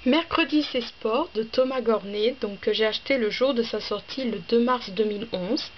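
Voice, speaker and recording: A woman's voice: on the high side, moderate pace. Chatty woman book vlogger, hesitant. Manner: hesitant, many fillers and restarts; chatty, listing items one by one. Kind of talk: casual book vlog. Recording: slightly dull with faint background noise.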